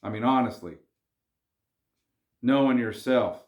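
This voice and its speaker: Talking slowly at a medium pitch, this man has a darkish tone, and the lo-fi recording carries noticeable reverb. He's a vlogger giving casual advice to camera, relaxed, full of slang and sincere as he urges people to stay calm.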